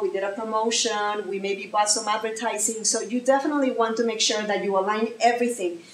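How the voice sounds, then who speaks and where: A woman's voice: a little high, slight background noise. Upbeat woman with a Mexican accent. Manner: lively, upbeat, with fillers and restarts. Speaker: presenter. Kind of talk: live presentation to an audience. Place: presentation room with an audience. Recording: echoey room, faint ambience.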